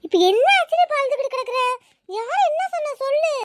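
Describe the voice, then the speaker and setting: A woman voicing a sharp-tongued old village grandmother in a cartoon, with a scolding, grumbling manner. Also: very high voice, fast, very noisy. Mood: alarmed. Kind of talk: cartoon voice acting.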